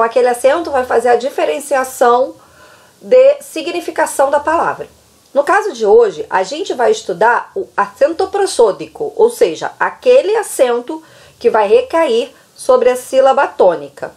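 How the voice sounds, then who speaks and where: A woman's voice: sits high, darkish tone. A woman from Brazil whose first language is Portuguese, teaching a recorded class and explaining step by step, often checking in with the students. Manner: explanatory, repeats points with "tá?" checks. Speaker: Spanish teacher. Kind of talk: recorded online class lecture.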